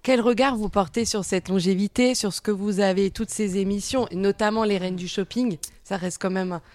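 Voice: mid-range voice, steady tone, brisk, dry recording. An interviewer asking questions in a casual interview, often finishing the guest's sentences. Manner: supportive, finishes the guest's sentences, short backchannels.

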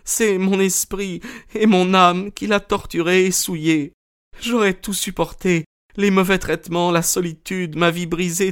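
A man voicing a distraught young wife in an audiobook, pushing his voice high and strained as she pleads and grows bitter. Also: natural voice. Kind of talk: audiobook character reading.

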